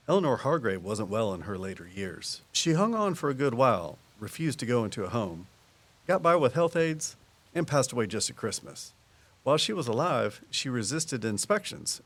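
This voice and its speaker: In an audio drama, a folksy small-town conservation man with a medium-pitched voice explains things patiently and plainly, in a relaxed, down-to-earth manner. His speech has a sing-song lilt at normal speed, and his mood is matter-of-fact.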